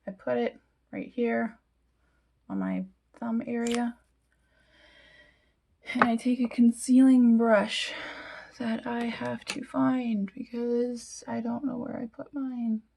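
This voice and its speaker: A woman's voice: on the high side, level tone, takes it slowly, vocal fry, pauses often, a little mellow, a little hiss or hum. A young woman chatting casually through a makeup tutorial, with self-deprecating asides that sometimes drop to a whisper. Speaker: beauty vlogger.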